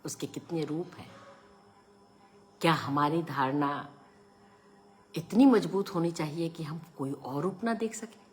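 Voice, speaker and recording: A middle-aged woman reading a short story aloud, expressive and raising her voice for the quoted lines. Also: low-pitched, a little slow, pauses often, soft background music.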